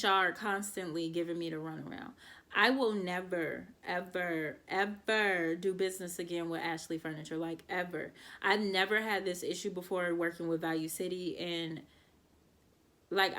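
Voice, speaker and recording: A young woman with a lowish voice vlogs to camera, telling an exasperated storytime in a casual, animated way and addressing her viewers directly.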